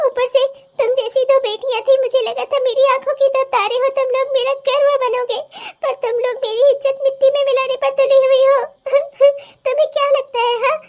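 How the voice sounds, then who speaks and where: A woman's voice: extremely high pitch, darkish tone. A woman voicing a distraught widowed mother of two grown daughters in a dramatic cartoon, wailing and scolding.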